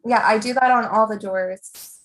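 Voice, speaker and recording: A woman's voice: fairly high pitch, steady tone, normal speed, a bit bright, poor audio. A woman in her thirties hosting a casual live stream chat, talking with many fillers. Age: 30s.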